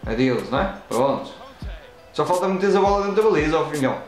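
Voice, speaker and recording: A man with a European Portuguese accent, playing a football video game and reacting loudly to each play as he talks at it. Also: fairly high pitch, fast, roomy sound, faint music behind, poor audio. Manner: excitable, talks at the game and the referee, frequent exclamations. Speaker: gaming channel host.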